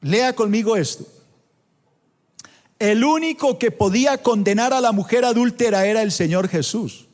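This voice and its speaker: A high-voiced man with a Colombian accent preaches a sermon to his congregation. He drawls out the scripture quotes for emphasis. His voice rings with the long reverb of a big church auditorium. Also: moderate pace, darkish tone. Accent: Colombian Spanish. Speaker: pastor.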